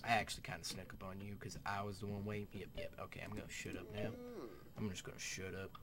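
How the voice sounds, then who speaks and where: A man's voice: low voice, little pitch movement, fast, crowd noise. A young man giving crude, joking gaming commentary, swearing often and dropping into whispered asides. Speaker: gaming YouTuber. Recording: keyboard clicks and typing behind voice.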